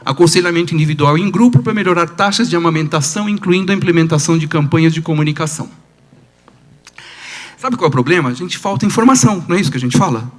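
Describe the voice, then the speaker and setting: A man with a Brazilian Portuguese accent, a pediatrician giving a conference lecture, telling animated stories and asking the audience rhetorical questions. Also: fairly high pitch, fast.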